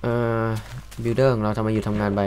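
A young man casually commenting while he plays a block-building game, chatty and joking, with loud exclamations. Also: fairly low pitch, little pitch movement, fast talker, background noise. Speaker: gaming video host.

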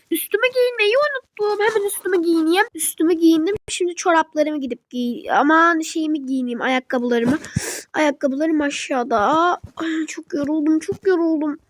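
A woman's voice: high-pitched, a bit bright. A woman narrating a game role-play, talking to herself in a whiny, complaining way with sighs. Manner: talks to herself about chores.

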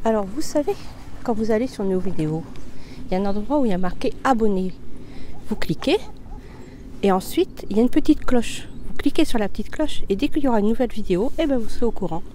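A woman's voice: mid-range voice, lively intonation, fast talker, mellow, a little hiss or hum. A middle-aged woman talking casually outdoors to her viewers, explaining things in a simple, chatty way. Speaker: vlogger. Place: outdoors in a field.

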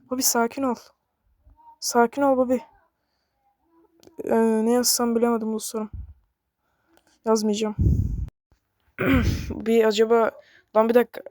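A woman giving excited gameplay commentary, chatty and talking straight to her viewers, recorded on a bassy microphone. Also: slow, pauses often, no echo, clean studio sound. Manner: excitable, frequently yelling to her game companion; chatty, addresses viewers directly. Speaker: gaming video creator.

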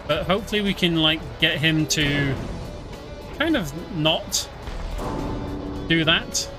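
Over video game music and the sound of vehicles, this man talks slowly in a somewhat high voice with lively intonation. He's a speedrunner streaming his play, giving loose, informal commentary and explaining things along the way.

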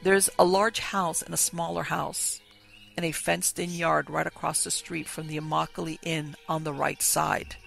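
Reading ghost stories sent in by listeners, this podcast host speaks steadily in a gravelly, fry-laden voice slightly higher than typical for a man. Gentle music runs quietly in the background.

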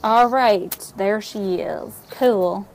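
A woman's voice: medium pitch, drawn-out words, gravelly, a little mellow, poor audio. Casual cursing young woman gamer. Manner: chatty, swears casually. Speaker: let's play host. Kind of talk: casual let's play commentary.

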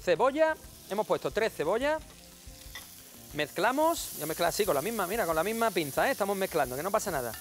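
In a TV studio kitchen, a man demonstrates a recipe on a cooking show, his high-pitched voice sing-song and a little fast. He's chatty and playful, joking with viewers and treating them like family.

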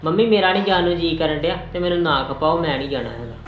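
A man's voice: a little high, animated, quick pace, dull audio, soft background music, lightly acted. A man playing a neglectful young husband in an amateur family drama, curt and dismissive. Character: neglectful young husband who later repents. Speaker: son and husband; channel host.

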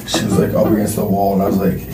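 Low-voiced young man, halting and hesitant. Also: monotone. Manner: halting, filler-heavy, constantly says like. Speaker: suspect being questioned. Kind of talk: police interrogation. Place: police interview room. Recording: roomy distant recording with faint noise.

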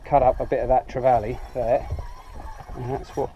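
A man's voice: medium pitch, flat delivery, normal speed, muffled recording. A man talking casually as he coaches someone through reeling in sharks from a small boat at sea, filmed on an action camera. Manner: coaching and narrating while fishing. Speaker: fishing channel host. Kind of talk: casual on-the-spot commentary. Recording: wind and water noise.

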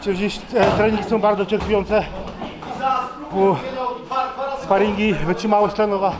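A sweaty man around forty answers questions in a halting way, often restarting his words, his voice fairly high for a man. He talks into a handheld mic in an indoor gym, with a loud crowd of people training all around. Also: little pitch movement. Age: about 40. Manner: halting, with many restarts and fillers. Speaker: kickboxer being interviewed. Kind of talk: casual interview answers. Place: busy indoor fight gym during training. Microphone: handheld interviewer mic.

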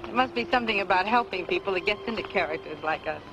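An actress playing a young nurse, light, teasing and self-assured, in a 1950s film. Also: female voice, mid-range voice, quick pace, over music, close to an everyday voice, poor audio. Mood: conversational. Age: young adult.

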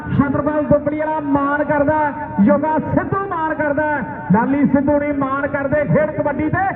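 A man with a Punjabi accent giving frantic rural sports commentary on kabaddi, excitedly chanting and repeating phrases. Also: very high voice, moderate pace. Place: outdoor village sports ground. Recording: tinny distant echoing PA, crowd noise.

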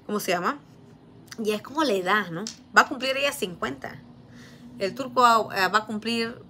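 A woman's voice: medium pitch, sharp tone. A woman in her thirties with a Peruvian Spanish accent, telling a family story in a chatty vlog, often laughing and full of fillers. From Peru. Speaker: vlogger. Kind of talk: casual storytelling.

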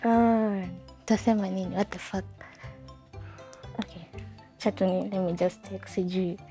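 A woman's voice: medium pitch, fairly even intonation, measured pace, warm tone. A young woman with a Kenyan accent, bantering coyly on a dating game show. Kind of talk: casual banter. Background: music.

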